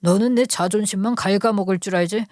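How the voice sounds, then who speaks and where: A woman's voice: medium pitch, fairly quick, a little mellow, dry recording, clean studio sound, lightly acted. Sneering cheating husband, voiced by a woman. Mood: scornful. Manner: sneering, contemptuous. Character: cheating husband, middle-aged man, scornful and blaming.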